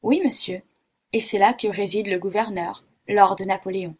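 Unflappable boy pupil, calm recitation, husky; woman reader. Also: medium pitch, moderate pace, lightly acted. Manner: calm, matter-of-fact recitation.

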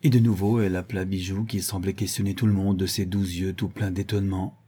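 A man narrating a novel in a measured, even storytelling voice. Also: sits low, husky.

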